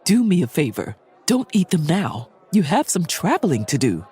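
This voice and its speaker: A woman voicing a sly, brisk middle-aged aunt who gives orders in a dry, matter-of-fact way. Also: low voice, very animated, dark tone, breathy edge, faint music behind, full character voice. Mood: deadpan. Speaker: mentor aunt. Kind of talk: audio drama acting.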